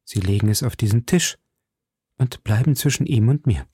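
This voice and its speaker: A man's voice: mid-range voice, moderate pace, mellow, breathy edge, no echo, clean studio sound, lightly acted. A man reading an audiobook and voicing a pious, nervous young officer who speaks earnestly and stammers.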